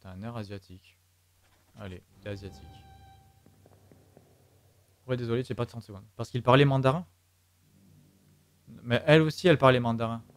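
A man's voice: mid-range voice, normal speed, pauses often. A man with a French accent streaming a game, thinking aloud and muttering to himself and his chat as he works through a puzzle. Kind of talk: live let's play commentary.

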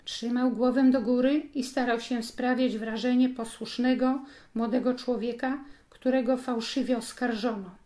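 A woman reading a story aloud as an audiobook narrator, in slow, deliberate scripted narration. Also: a little high, steady tone, mellow.

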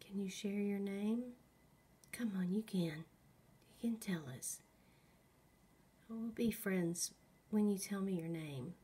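A woman runs a spirit session, talking to a ghost with patient, coaxing questions. Her pace is slow and unhurried, and her voice has a breathy, husky edge that often sinks toward a whisper. She sounds soothing, as if easing a shy child into speaking. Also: mid-range voice, warm tone. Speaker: paranormal investigator running a spirit session.

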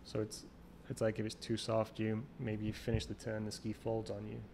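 A man with a gravelly, low voice speaks at a normal speed with a flat delivery, rambling, thinking aloud, and restarting often. He is a champion water skier appearing as a guest in a casual interview, recorded remotely on a call with faint noise.

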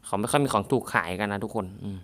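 Bright-voiced man joking through a game. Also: fairly low pitch, rapid-fire, slight background noise. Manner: jokey, shouts and mock samurai lines mid-play. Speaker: mobile game streamer. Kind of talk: playful gameplay commentary.

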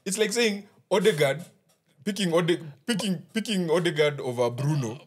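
A young Kenyan-accented man debates football on a podcast. His voice is husky and a little high. He is casual but insistent, pressing each point. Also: lively intonation, normal speed. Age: young adult. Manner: argumentative, insistent. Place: small indoor podcast studio. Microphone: close podcast microphone with headphones.

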